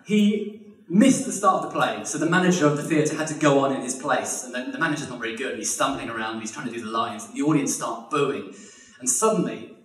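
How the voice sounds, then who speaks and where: A man telling a funny history story with lively energy, laughing often and acting out the voices in it. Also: mid-range voice, brisk. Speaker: podcast guest telling history anecdotes. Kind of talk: comic storytelling. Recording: roomy sound from a distance.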